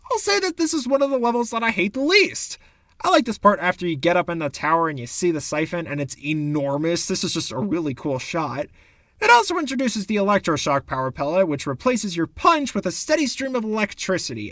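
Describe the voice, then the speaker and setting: A man's voice: high voice, fairly bright tone, dry recording. A man giving sarcastic, exasperated commentary for a video game review essay, into a close mic.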